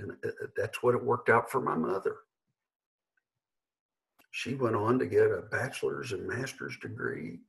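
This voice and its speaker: A man in his sixties, a pastor, delivering an earnest, measured sermon from his living room into a webcam. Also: lowish voice, vocal fry, fairly bright tone, low-quality recording. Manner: earnest, measured, with emphatic slowed phrases. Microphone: webcam at desk.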